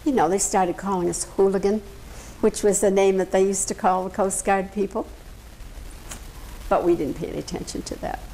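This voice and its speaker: An elderly woman from Massachusetts recounts her wartime service for an oral history interview. She tells her stories with life, slipping into the voices of the people she quotes. Her voice sits at a middle pitch over a faint hiss. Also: moderate pace, rough recording. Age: older. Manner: lively storyteller, acts out quoted voices. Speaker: veteran interviewee.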